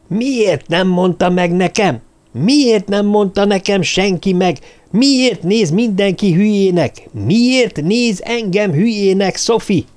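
Volatile cop lieutenant, slow and pushy, lively voice read by a man. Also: a little high, pitched above the performer's own voice, close to an everyday voice. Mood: furious. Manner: slow, pressing, bursts into yelling. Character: hot-tempered male police lieutenant, volatile.

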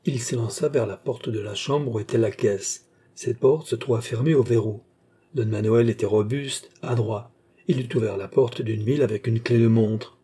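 A man reads a classic novel aloud as an audiobook narrator, measured and steady. His voice is mellow and dark, with a husky grain. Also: medium pitch.

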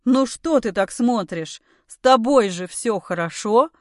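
A frantic middle-aged husband, as a woman reader plays him, loud and agitated, pleading one moment and bossing the next. His voice sits a little high and comes across dry and close, with no room around it. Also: lively intonation, measured pace, dry recording. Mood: excited.

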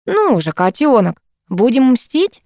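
A woman reading an audiobook, voicing a drunk, pushy young man in a low, coaxing, slurred murmur. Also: very animated, slow pace, darkish tone, no echo, studio quality, exaggerated voice. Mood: drunk leering.

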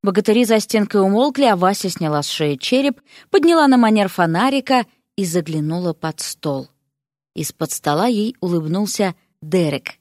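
A woman narrating a comic fantasy story with lively, expressive reading. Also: medium pitch, moderate pace, no echo, clean studio sound. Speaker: audiobook narrator.

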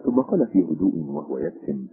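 An expressive audiobook narrator, a man with an extremely low pitch, reads a literary story aloud at a quick pace. The audio has a tinny, phone-like quality.

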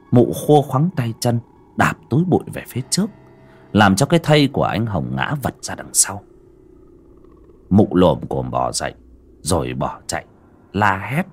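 A man narrating a horror story in a dramatic, expressive storytelling manner. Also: low-pitched, slightly rough.

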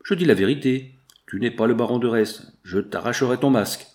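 A man's voice: medium pitch, brisk, darkish tone, natural voice. A man voicing a delirious young woman thief who shrills her accusations in an audiobook reading. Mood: frenzied accusing.

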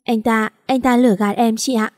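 A woman voicing an impulsive, chatty young woman who talks in an emotional, rapid, complaining way. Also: on the high side, fairly even intonation, dry recording, clean studio sound, lightly acted. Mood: tearful.

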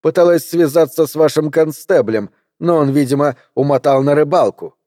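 A man reading aloud voicing a furious, sharp-tongued woman who snaps and mocks. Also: fairly high pitch, moderate pace, no room sound, clean studio sound, natural voice. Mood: sarcastic. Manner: snapping and sarcastic.

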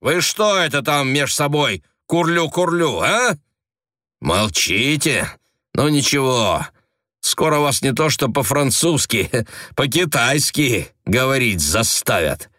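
Narrator playing a mocking, commanding police agent in an audiobook, dry close sound. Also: male voice, mid-range voice, animated, unhurried, pushed and bright, dry recording, voice pushed up. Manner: brusque, commanding, sarcastic. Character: gruff, mocking male secret police agent.

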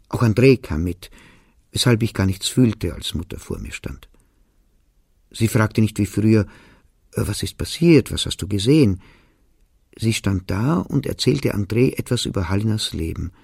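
A man reading a novel aloud for radio, telling the story quietly and evenly in the first person. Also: lowish voice, creaky, husky, no echo, studio quality. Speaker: narrator. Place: radio studio.

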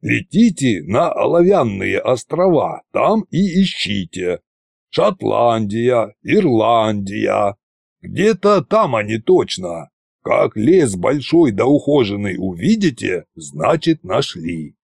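A man playing gravelly old tsar Koschei, bossy. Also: mid-range voice, sing-song, darkish tone, no room sound, clean studio sound, full character voice. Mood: scolding. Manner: slow, commanding, folksy. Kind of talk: audiobook character reading.

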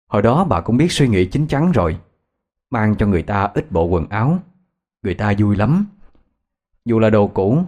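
A man narrating a ghost story as a lively, dramatic storyteller. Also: on the low side.

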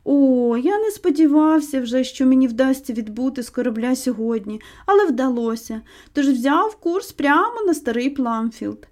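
A woman's voice: high voice, animated, moderate pace, few pauses, a little mellow. A woman reading a cheerful young male sailor greeting his family, in a hearty storybook manner. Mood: jovial.

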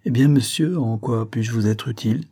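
A man's voice: mid-range voice, moderate pace, warm tone, slightly rough. A man voicing a cheeky, curious young apprentice printer who chatters and gossips in an audiobook reading. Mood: gossiping.

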